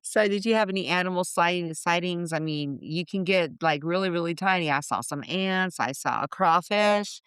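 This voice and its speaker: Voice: medium pitch, normal speed, hardly any pauses, fairly bright tone, smooth, no room sound, clean studio sound. A podcast host interviewing a guest in a playful, teasing way. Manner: playful, teasing, laughs often. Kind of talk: casual interview chat.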